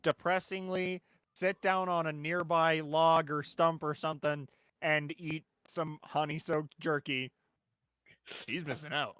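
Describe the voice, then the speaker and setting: A man playing a tabletop game, describing his character's actions in a deadpan way. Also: fairly high pitch, measured pace, clear, resonant tone, dry recording. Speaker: player. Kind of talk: tabletop role-play chat.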